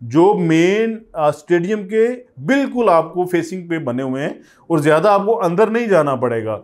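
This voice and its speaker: Persuasive Pakistani Urdu property agent. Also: male voice, high-pitched, lively intonation, normal speed, a little mellow. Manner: persuasive, urging viewers to buy. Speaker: real estate agent. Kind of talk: property sales pitch to camera. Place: office studio set, indoors. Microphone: lapel mic.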